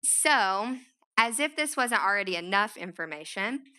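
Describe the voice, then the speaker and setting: Female speaker, East Tennessee Appalachian accent, bright and smooth, for a chatty, self-deprecating public talk. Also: medium pitch, animated, measured pace. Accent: East Tennessee Appalachian Southern. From East Tennessee, United States. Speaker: nonprofit founder speaking to an audience. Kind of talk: informal, conversational public talk.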